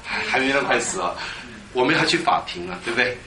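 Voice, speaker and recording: A man preaching a lively Bible teaching sermon, quizzing his congregation and drilling them on Greek words. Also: medium pitch, fast. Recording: echoey hall with background noise.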